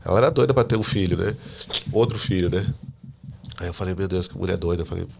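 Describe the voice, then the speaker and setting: A man telling his personal faith testimony as a podcast guest, a lively storyteller who acts out the dialogue he quotes. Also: sits low, quick pace, creaky, slight background noise. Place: living in the United States.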